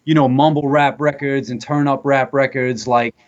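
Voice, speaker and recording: A man's voice: medium pitch, flat delivery. Man in his thirties on a dull remote line. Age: 30s. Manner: measured, filler-heavy. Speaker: guest rapper. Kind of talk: casual chat.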